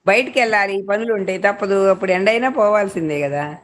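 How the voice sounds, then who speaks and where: A woman's voice: medium pitch, fast talker. Earnest woman raising practical objections. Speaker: student in discussion. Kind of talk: casual discussion.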